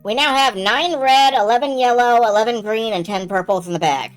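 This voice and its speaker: A woman's voice: on the high side, fairly quick, rough recording. A woman giving casual, sweary game commentary as a let's play host, narrating her own moves as she goes. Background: game music.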